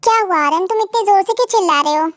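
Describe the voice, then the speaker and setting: A woman voicing a sharp-tongued mother who snaps at her husband, in a fan drama. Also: very high-pitched, quick pace, no room sound, clean studio sound. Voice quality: sharp, scolding.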